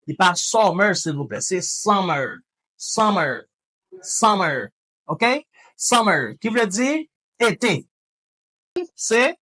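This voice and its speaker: A woman with a Haitian Creole accent teaching English vocabulary, repeating each word slowly so learners can copy it. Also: mid-range voice, fairly bright tone. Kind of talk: language lesson with drilled repetition.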